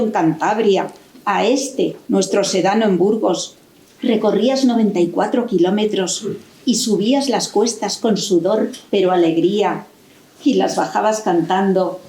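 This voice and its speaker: An actress playing a novelist's affectionate wife, reminiscing in a playful, teasing way. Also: female voice, mid-range voice, mellow, natural voice. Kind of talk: staged reading in a stage tribute. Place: university auditorium. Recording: roomy hall echo.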